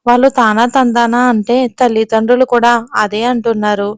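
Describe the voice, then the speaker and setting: A woman's voice: a little high, little pitch movement, normal speed, no echo, clean studio sound, natural voice. A woman voicing a fussy, outspoken elderly grandmother who scolds and exclaims. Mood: indignant.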